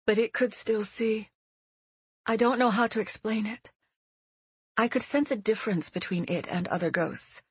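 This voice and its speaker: A woman reading as a frightened, earnest young woman who talks quickly and anxiously. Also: fairly high pitch, slightly rough, no room sound, voice pushed up. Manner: anxious, tumbling out words.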